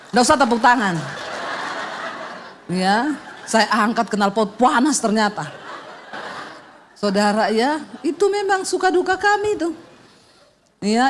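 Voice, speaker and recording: Lively woman pastor preaching. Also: fairly high pitch, a little hiss or hum. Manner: animated and humorous, acts out sounds and dialogue. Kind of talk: sermon storytelling.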